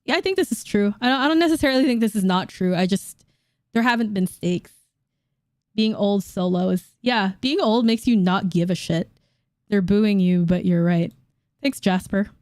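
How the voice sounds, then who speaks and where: A woman in her late twenties reacting to online comments in a casual vlog, blunt and quick to laugh, swearing casually. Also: mid-range voice, a little mellow, no room sound, clean studio sound. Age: late 20s. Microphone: dynamic studio mic.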